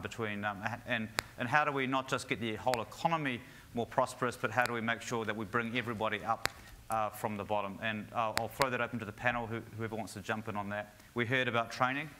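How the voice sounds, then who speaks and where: A man's voice: medium pitch, pushed and bright, a little hiss or hum. A man moderating a conference panel, posing questions and guiding the discussion.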